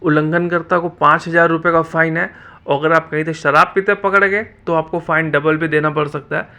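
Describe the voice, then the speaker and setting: A man's voice: fairly high pitch, fairly even intonation, a little fast, bright, forceful tone, clear, resonant tone. A man from Himachal Pradesh narrating a travel vlog in a chatty way, talking straight to his viewers. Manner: chatty, addresses viewers as guys. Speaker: travel vlogger.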